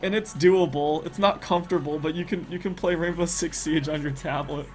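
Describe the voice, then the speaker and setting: A man's voice: a little high, fairly even intonation, fairly quick. A man streaming casually, rambling and thinking aloud as he works, laughing often. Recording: music playing behind.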